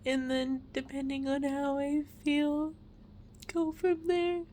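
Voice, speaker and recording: Woman, high voice, snotty crying, slow halting delivery of an emotional confessional vlog, with some background noise. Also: little pitch movement, mellow. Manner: halting, broken phrases with long pauses. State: crying, tearful, snotty sobbing voice. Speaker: mother sharing a personal testimony.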